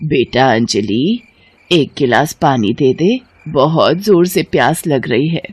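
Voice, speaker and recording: A woman's voice: sits low, expressive, a little mellow, slightly rough, full character voice. Woman doing a harsh older mother-in-law. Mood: pleading. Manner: drawn-out, scornful scolding. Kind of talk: animated storybook voice acting.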